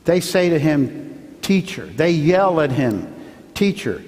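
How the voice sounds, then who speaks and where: High-voiced pastor preaching in a reverberant church. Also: male voice, unhurried. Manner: storytelling, acts out the fishermen's shouts. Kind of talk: sermon. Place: church sanctuary.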